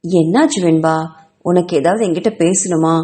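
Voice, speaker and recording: A woman's voice: on the low side, moderate pace, warm tone, close to an everyday voice. A woman voicing a caring young female college student who speaks to her friend in fond, teasing hostel-room talk.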